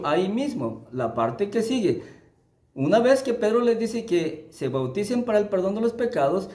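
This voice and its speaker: A man teaching the Bible in a sermon style, emphatic, lifting his voice for scripture and dropping low to press a point. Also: warm tone, roomy sound. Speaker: preacher.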